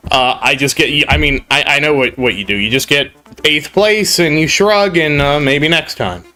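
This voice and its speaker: Soft background music accompanies a man's fairly high, sharp-toned voice as he chats on his game stream at a moderate pace. Congested with a cold, the streamer grumbles and rambles in a casual, exasperated way.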